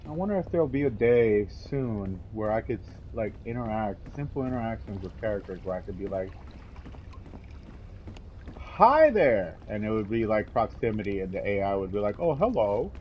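A man with a lowish voice offers rambling gameplay commentary a little fast and with hardly any pauses, often muttering to himself and acting out little exchanges. It's captured on a dull lo-fi mic with clear background noise.

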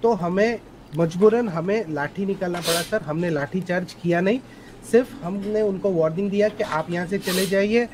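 Brief: man playing a courteous, stubborn cop on the stand, slightly higher voice, headset chat. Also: moderate pace, noisy background. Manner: polite, insistent, mixes English phrases into Hindi. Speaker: police officer in a role-play court hearing. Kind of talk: in-character role-play testimony.

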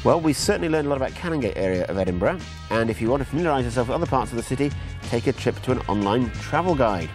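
Middle-aged male presenter, medium pitch, dry jokey delivery, music bed underneath. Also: animated, rapid-fire, hardly any pauses. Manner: wry, jokey asides. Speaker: documentary presenter. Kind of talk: presenting a TV documentary. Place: outdoors by a brick building, sitting with a laptop.

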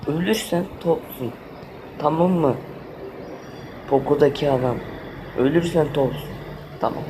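A man's voice: on the high side, a little slow, noisy background. A man playing a video game and commenting as he goes, exasperated, talking both to the game and to his viewers. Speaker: gaming channel host. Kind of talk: let's play commentary.

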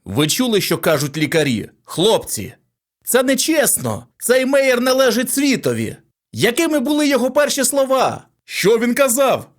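A man voicing an excited, pushy male reporter clamoring for news. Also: extremely high pitch, normal speed, voice pushed up.

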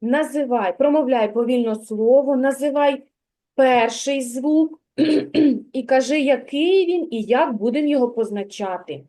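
A woman's voice: high voice, normal speed, mellow. A woman kindergarten teacher giving a patient, encouraging one-on-one reading lesson to a young child, prompting step by step.

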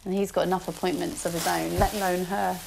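A mother at home speaks in a fairly low, gravelly voice, fast and flat, in candid documentary talk; she uses sing-song baby talk with the kids and is sometimes tearful. The noisy handheld audio captures room noise from the family home.

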